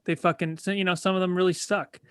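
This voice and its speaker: Twenties male guest, blunt, cursing, bright sharp voice, dry close sound. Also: high-pitched, little pitch movement, quick pace, clean tone, no room sound. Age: 20s. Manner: blunt, swears freely. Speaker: guest, real estate agent. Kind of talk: casual podcast chat.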